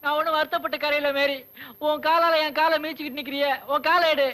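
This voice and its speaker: A man's voice: very high voice, little pitch movement, fast, pushed and bright. A man playing a cheeky compounder who answers back in a Tamil film comedy scene. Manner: cheeky and backtalking.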